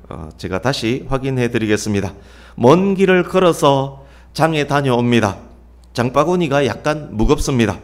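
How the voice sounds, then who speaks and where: Slightly high-voiced male preacher telling a story. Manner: storytelling, addresses the congregation with questions. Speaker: pastor. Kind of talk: sermon.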